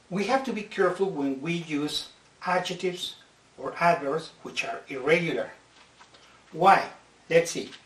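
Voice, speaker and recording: English teacher, roomy distant sound. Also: male voice, a little high. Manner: slow, careful explanations, stretching out example words. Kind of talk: slide-based grammar lesson.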